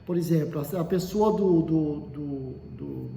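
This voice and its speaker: A man's voice: a little high, huge pitch swings, slow pace, mellow, slight background noise. A man, lecturing as a teacher. He explains step by step, lists examples and keeps checking in with short tag questions. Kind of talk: classroom lecture on language. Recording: echoey room with long reverb.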